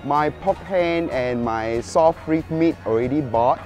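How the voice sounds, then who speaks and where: A middle-aged man hosting a casual cooking show, chatty and excitable, switching between English and Mandarin, recorded on a lapel mic at a market and in his home kitchen. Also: on the high side, a little slow, faint music behind.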